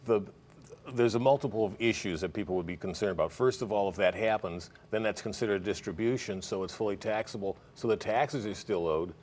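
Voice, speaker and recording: A man's voice: on the low side, a little fast, darkish tone, a little hiss or hum. A middle-aged man, a financial planner, explaining things steadily as a guest on a morning news show in a TV studio.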